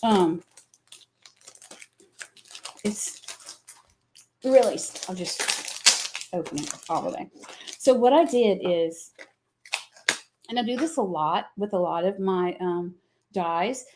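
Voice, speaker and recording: A woman's voice: lowish voice, lively intonation, slow, pauses often, noisy background. Chatty Southern woman demoing crafts. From American South. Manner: chatty, folksy, explains with many fillers. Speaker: craft company host. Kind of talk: live product demo.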